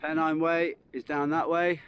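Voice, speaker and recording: Upbeat man vlogging outdoors, higher-pitched voice. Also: level tone, normal speed, fairly bright tone. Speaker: hiking vlogger. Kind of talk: casual walk-along vlog narration. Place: outdoors on open moorland hills. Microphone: handheld camera. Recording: outdoor wind and ambient noise.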